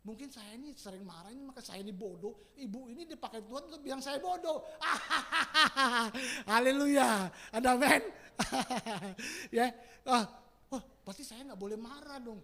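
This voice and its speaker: A male preacher giving a sermon to a congregation, swinging from loud emphatic shouts down to quiet, folksy asides with chuckles. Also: lively intonation, fast. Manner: rises to loud emphatic shouts, then drops low.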